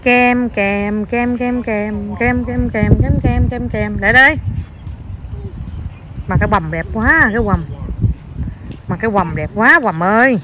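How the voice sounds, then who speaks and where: A woman's voice: a little high, a little slow, long pauses, background noise. A woman filming her small child on a lawn, talking to the child in a coaxing, playful, doting way. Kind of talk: casual home video chat with a toddler. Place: outdoors on a lawn.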